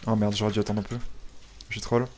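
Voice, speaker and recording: A man's voice: on the low side, flat delivery, fast talker, a little mellow, slight background noise. A man playing an online game, chatting casually with teammates, teasing and laughing often. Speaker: streamer playing support. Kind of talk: casual gaming chat.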